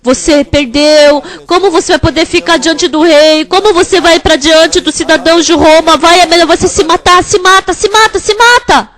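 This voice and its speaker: A sinister demonic whisper of temptation presses the same command again and again, pitched high and relentless. A woman acts it out within a sermon. It sounds insistent and wheedling rather than loud. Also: normal speed, few pauses. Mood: urging.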